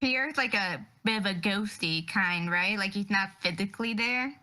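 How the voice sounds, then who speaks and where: A woman's voice: medium pitch, normal speed, sharp tone. A woman playing a tabletop game, casual, playful and giggly. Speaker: player.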